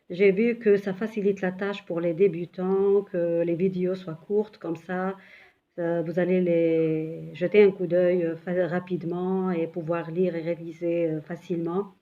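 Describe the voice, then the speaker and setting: A woman's voice: fairly low pitch, muffled recording. A woman teaching beginners step by step, patiently repeating syllables with some hesitant fillers. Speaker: Arabic teacher. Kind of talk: slow step-by-step lesson for beginners.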